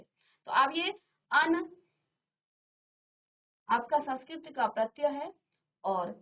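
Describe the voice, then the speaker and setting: A middle-aged woman teacher giving a classroom lesson, repeating each word slowly and asking the class questions. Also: sits high, phone-quality sound. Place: virtual classroom studio.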